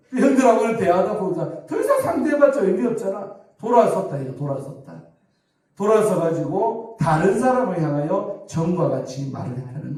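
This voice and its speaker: A middle-aged pastor with a Gyeongsang accent, preaching a sermon in a conversational storytelling way and acting out quoted dialogue. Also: male voice, sits high, warm tone, distant mic. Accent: Gyeongsang Korean. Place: church sanctuary. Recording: echoey church hall from afar.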